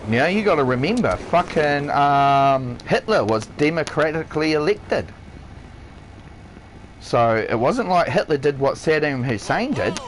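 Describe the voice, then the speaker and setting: High, wildly swooping ranting man. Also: sing-song, a little slow, slight background noise, rough recording. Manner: blunt, heavily profane, emphatic rant. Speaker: chef streaming live. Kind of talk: ranting livestream monologue. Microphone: console headset or stream mic.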